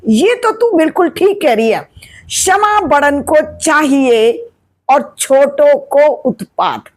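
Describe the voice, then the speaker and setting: A woman's voice: high voice, expressive, slow pace, darkish tone. A woman in her sixties, a retired teacher, gives patient family advice, asking questions and answering them herself. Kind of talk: explanatory family advice talk.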